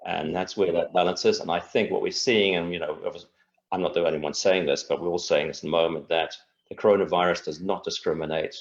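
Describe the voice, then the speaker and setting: Deep low-pitched man from tanzania, calm and meandering guest on a video call, sound kinda dull and muffled. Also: fast. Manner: reflective, earnest, meandering. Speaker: guest, spiritual speaker. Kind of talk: casual interview conversation.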